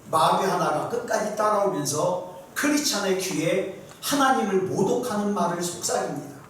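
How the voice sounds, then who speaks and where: A man's voice: sits high, a bit bright, slight background noise. A male pastor preaching a sermon, telling a story and firing rhetorical questions at the congregation. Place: church sanctuary. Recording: echoey sanctuary, mic far off.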